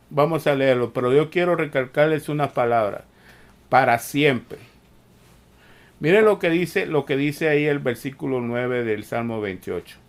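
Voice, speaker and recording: A man delivers a sermon at a deliberate, unhurried pace. His voice sits fairly high and climbs higher and harder when he rebukes. He leans on repeated amens and restarts. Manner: slow, repetitive preaching with frequent "amén" and "mire"; rises in pitch and force when scolding. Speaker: preacher.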